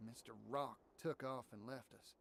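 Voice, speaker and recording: An actor playing an idealistic young small-town merchant in a video game, sincere, folksy and determined, with an American Southern accent. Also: male voice, mid-range voice, fairly even intonation, normal speed, fairly bright tone, a little hiss or hum, natural voice. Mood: earnest, wistful. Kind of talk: dramatic video game voice acting. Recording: music under the voice.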